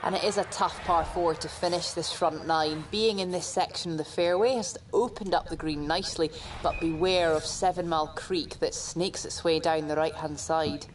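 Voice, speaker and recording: A woman's voice: low-pitched, steady tone, moderate pace, slight background noise, natural voice. A woman commentating on golf, describing the hole as an on-course reporter. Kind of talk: golf broadcast commentary in a video game.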